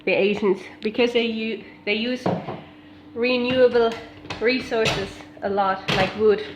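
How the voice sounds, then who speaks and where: A woman's voice: a little high, steady tone, measured pace. Woman who learned english after german, rambling vlog chat at home, echoey room, bit of hiss. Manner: chatty, rambling, self-interrupting. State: sick. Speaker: vlogger. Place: her own room at home. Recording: echoey room, faint ambient noise.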